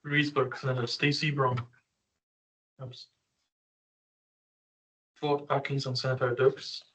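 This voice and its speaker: Man calling a roll call vote, flat even delivery, plain routine reading. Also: mid-range voice, slow pace, low-quality recording.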